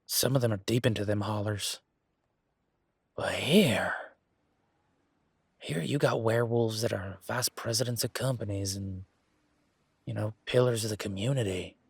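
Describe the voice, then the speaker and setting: In an intimate one-sided audio roleplay, a man voices a laid-back, wry werewolf, fully in character. He teases in a casual, folksy, admiring way, his husky voice sitting lowish and free of echo.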